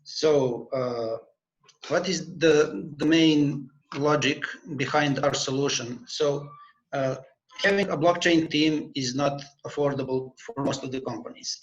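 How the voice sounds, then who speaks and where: A man from Serbia, giving a presentation at an online meetup, halting with many filler sounds and restarts. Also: medium pitch. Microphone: video call. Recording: muffled online call audio.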